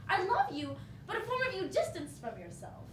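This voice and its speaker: A woman's voice: extremely high pitch, huge pitch swings, fairly quick, full character voice. A young woman acting a longing lover, reciting poetic lines on a stage recorded from far off with an echoing, noisy room. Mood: passionate. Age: young adult.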